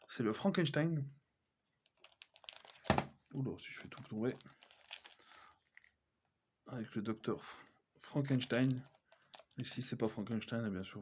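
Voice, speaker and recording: A man's voice: medium pitch, darkish tone, a little hiss or hum. A man chatting casually as he shows his film collection, hesitant, with many fillers and self-corrections. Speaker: collector vlogger. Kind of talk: casual unboxing chat.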